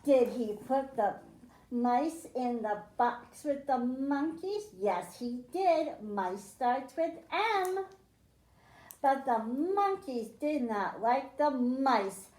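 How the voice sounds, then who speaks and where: In an echoey library room, a woman librarian reads a picture book aloud to children in a high, animated, slow voice with a slightly mellow tone. She leans on the m sounds in a sing-song storytime style, then moves on to explain a science activity.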